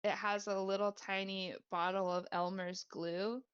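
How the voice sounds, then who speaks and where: A woman's voice: mid-range voice, flat delivery, measured pace, smooth, no echo, muffled recording. A woman game master improvising narration in an informal, playful, sweary way.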